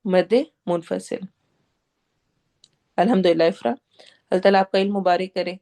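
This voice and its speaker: A woman with a Pakistani Urdu accent teaching tajweed, going word by word and slowly drawing out each recited word. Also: fairly low pitch, level tone, dark tone. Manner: explains pronunciation patiently, drawing out recited words slowly; mixes English words into Urdu explanations.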